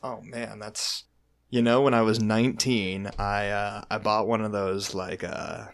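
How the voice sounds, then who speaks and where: A man's voice: fairly low pitch, little pitch movement, unhurried, gravelly. A man talks casually with a friend, joking and swearing often. His speech rambles and is full of fillers and restarts, in an easygoing, unscripted chat. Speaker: podcast host. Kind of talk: casual chat about a film.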